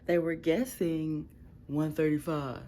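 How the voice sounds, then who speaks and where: A woman's voice: low voice, level tone, slow, dark tone, a little hiss or hum. A woman vlogging casually from her bedroom at night, talking bluntly and profanely in a groggy just-woke-up voice, with a Midwestern American accent. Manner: blunt, profane, rambling storytelling. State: groggy morning voice. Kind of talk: casual late-night vlog.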